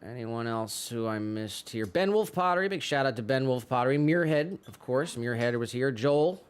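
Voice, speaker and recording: Easygoing man doing stream shout-outs. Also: mid-range voice, animated, smooth. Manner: easygoing, chatty, drawn-out fillers. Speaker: livestream co-host. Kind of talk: casual chat and chat shout-outs. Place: pottery studio.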